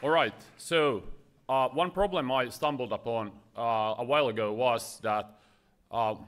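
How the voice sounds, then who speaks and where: A nervous Finnish man gives a short technical talk from a conference stage, full of fillers and restarts. His medium-pitched voice is fairly bright and his pace measured.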